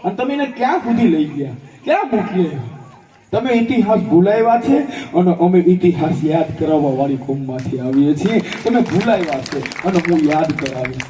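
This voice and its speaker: A fiery man delivers a rhetorical public speech in a high, ringing voice. He mixes forceful declarations with humorous stories and acts out the voices of the people in them. He sounds far from the mic, in a big hall with heavy echo. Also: a little hiss or hum. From Bhavnagar, Gujarat, India. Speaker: public speaker.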